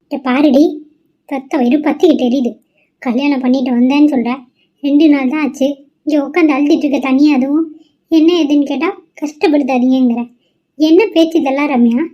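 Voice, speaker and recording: A woman voicing a worried middle-aged mother in a cartoon, loud and demanding as she scolds her daughter. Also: high-pitched, steady tone, brisk, highs cut off, natural voice. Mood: scolding. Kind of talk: cartoon voice acting.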